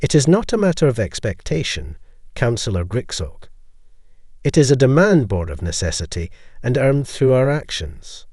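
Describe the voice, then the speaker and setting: A man's voice: medium pitch, very animated, moderate pace, a little mellow, no echo, clean studio sound. A man reading the lines of a firm, formal female human ambassador in an audio story. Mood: resolute.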